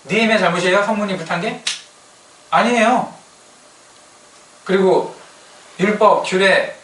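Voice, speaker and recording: A man preaching a sermon in an animated way, often asking the congregation questions. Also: high-pitched. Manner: animated, asks the congregation questions and acts out quoted complaints. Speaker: pastor. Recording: echoey hall, voice from a distance, light room noise.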